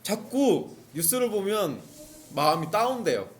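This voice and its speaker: A man's voice: high-pitched, sing-song, a little slow, slight background noise. A male pastor giving a conversational sermon, telling the story vividly and asking the congregation questions. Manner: acts out cries of the characters.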